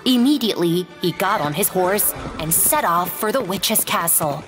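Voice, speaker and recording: A woman narrating a children's fairy tale in a gentle, expressive read-aloud manner. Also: fairly low pitch, moderate pace, long reverb tail, music in the background. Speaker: storyteller.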